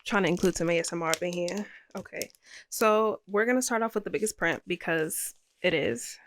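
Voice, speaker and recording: Excitable young woman unboxing art. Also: lowish voice, a little fast, background noise. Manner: excitable and playful, slangy. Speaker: vlogger. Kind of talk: casual unboxing vlog. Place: home art studio. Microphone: makeshift mic.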